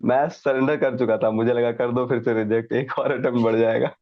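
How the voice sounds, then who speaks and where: A man's voice: mid-range voice, steady tone, brisk, no echo, lo-fi sound. A man telling stories as an interview guest, laughing often and mixing in English phrases. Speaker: guest, defence exam candidate. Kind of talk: casual storytelling chat.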